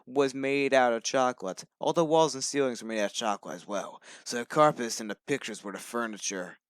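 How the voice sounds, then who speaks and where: A man's voice: medium pitch, a little fast, smooth, dry recording. Young man reading a story playfully. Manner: hammy, playful storytelling with silly voices. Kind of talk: reading a story aloud to friends on a call. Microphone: phone.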